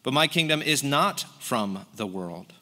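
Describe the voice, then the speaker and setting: Man reading a calm solemn prisoner, lower and softer, long hall reverb. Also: unhurried.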